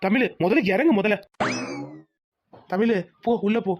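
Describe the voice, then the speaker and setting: A woman's voice: medium pitch, a little slow, darkish tone, slight background noise, lightly acted. A woman voicing an insistent young village husband in a cartoon. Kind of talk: cartoon voice acting.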